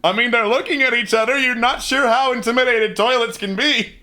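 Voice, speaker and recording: A man's voice: very high-pitched, steady tone, brisk, bright, forceful tone. A man casually and jokily narrating a tabletop game as game master.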